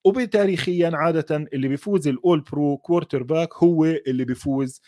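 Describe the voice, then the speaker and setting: A man's voice: fairly high pitch, fast talker, dark tone. A man with a Levantine Arabic accent giving casual, unscripted sports analysis, mixing English terms into his Arabic. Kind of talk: casual unscripted football commentary.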